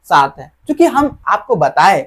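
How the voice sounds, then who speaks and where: A woman teacher walks students through a grammar lesson. Her voice moves lively up and down as she explains, stretches out example vowels and keeps asking rhetorical questions. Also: lowish voice. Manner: explains slowly with rhetorical questions, calls listeners dear children; drags out example vowels when demonstrating.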